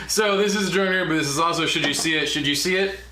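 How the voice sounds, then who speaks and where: A man chatting casually and excitedly as host of a group review, rambling as he goes. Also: a little high, fast talker. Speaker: host of a drunk movie review show. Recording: echoey room with clear background hiss.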